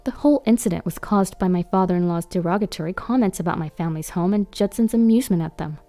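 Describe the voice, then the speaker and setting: Lady reading a story out steady, low and mellow, faint music behind. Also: fast. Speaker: narrator. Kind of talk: scripted story narration.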